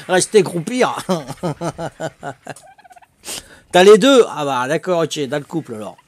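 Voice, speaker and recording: A man's voice: fairly high pitch, big pitch swings, slow pace. An older man chatting casually with viewers while streaming a game, joking, laughing often and tacking "hein" onto his sentences. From Corsica. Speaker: livestreaming gamer. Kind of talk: casual livestream chat with viewers.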